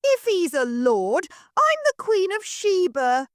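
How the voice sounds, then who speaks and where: A woman's voice: sits high, very animated, measured pace, no echo, studio quality, pitched above the performer's own voice. A woman voicing a blunt, suspicious working-class housemaid who grumbles in broad dialect.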